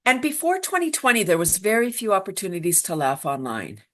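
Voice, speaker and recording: Woman, laughter yoga teacher, lively, laughs often, mid pitch. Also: fairly quick. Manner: animated, laughs often, acts out voices. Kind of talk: enthusiastic interview talk.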